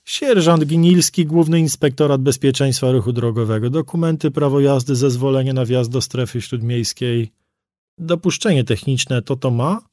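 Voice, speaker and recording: A man's voice: mid-range voice, moderate pace, a little mellow, dry recording, clean studio sound, natural voice. A man doing a sarcastic traffic cop sergeant. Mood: mocking. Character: sour, mocking male traffic police sergeant. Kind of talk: audiobook character voice.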